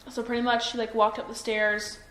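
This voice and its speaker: A woman's voice: a little high, level tone, fairly quick. A young woman being interviewed by police, hesitant and full of ums and self-doubt. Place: interview room. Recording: echoey room, faint noise.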